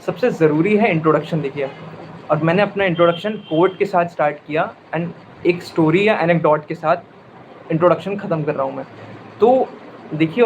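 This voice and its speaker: Young guy, early 20s, kinda high voice, lots of ums, switches into english a lot, faint hiss behind. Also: muffled recording. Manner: mixes Hindi and English, many fillers and self-corrections. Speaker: exam topper sharing preparation advice. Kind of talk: live interview answers.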